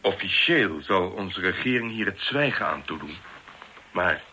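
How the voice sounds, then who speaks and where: An actor playing a calm, worldly officer who explains politics in a radio drama. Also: male voice, low voice, measured pace, slightly rough, exaggerated voice, rough recording. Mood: explaining.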